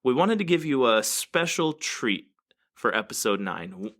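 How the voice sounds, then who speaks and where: A man's voice: mid-range voice, big pitch swings, measured pace, fairly bright tone. A man co-hosting a gaming podcast in casual chat, joking and laughing often. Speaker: podcast co-host.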